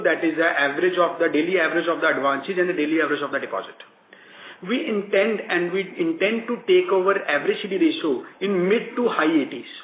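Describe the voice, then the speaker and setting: A man speaks in a high register, walking analysts through figures on a conference call. His voice comes through a tinny, echoey phone line with faint noise behind it. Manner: halting, explanatory, rephrases mid-sentence. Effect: heard over a conference call line. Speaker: bank executive. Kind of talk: answering analyst questions on an earnings conference call.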